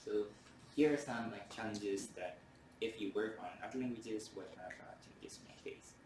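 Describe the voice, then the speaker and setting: A man whose native language is Indonesian lectures at a university at a normal pace, his lowish voice halting on many fillers and restarts. The mic seems far off in a large, roomy hall, where a faint hum lingers.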